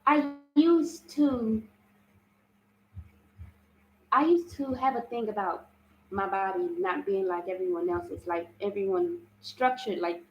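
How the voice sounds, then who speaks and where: In this live-streamed motivational talk, a woman hosts a spiritual self-love session in a strong, big voice. Her pitch is medium and her pace unhurried, and she speaks earnestly, often asking "you understand?" The sound is roomy and the audio dull.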